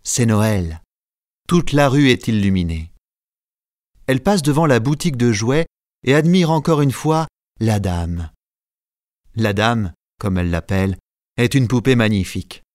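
Male narrator, measured storytelling read, dry close mic. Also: medium pitch, no echo. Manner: calm, measured reading. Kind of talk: scripted audiobook narration.

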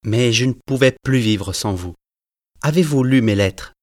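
A reader voicing Marius, a proud, earnest young lover. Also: male voice, medium pitch, unhurried, dry recording, clean studio sound, lightly acted. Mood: tender. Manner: earnest, heartfelt delivery. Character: earnest poor young man, passionate and proud. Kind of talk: dramatized reading of a classic novel.

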